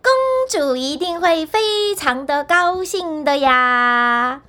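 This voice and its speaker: A woman reading a storybook and voicing a foolish, cheerful young man who shouts gleefully and draws out his calls. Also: high voice, takes it slowly, exaggerated voice. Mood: gleeful, loud.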